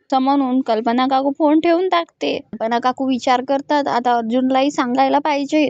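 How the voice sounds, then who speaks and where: High-voiced woman retelling a serial episode. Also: dry recording, dull audio. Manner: reads every character's lines in turn. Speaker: episode recap narrator.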